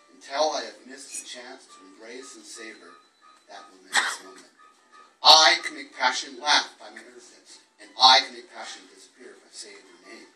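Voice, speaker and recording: At a book launch, a poet reads his own work at a live event, alternating his verse with informal, wordy, self-deprecating asides. His mid-range voice sounds pushed and bright. The room is echoey, picked up by a distant event microphone.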